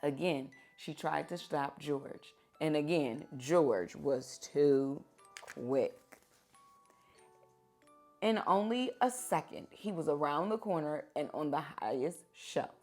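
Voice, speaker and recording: Soft background music accompanies a low-voiced woman as she reads picture books to children. Her teacher's manner is expressive and deliberate, and she prompts the kids with questions.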